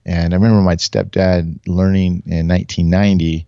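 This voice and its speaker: Deep gravelly man, storytelling guest. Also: flat delivery, a little fast, dark tone, no echo, muffled recording. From Southern California. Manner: rambling, laughs often, acts out quotes. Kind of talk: casual storytelling.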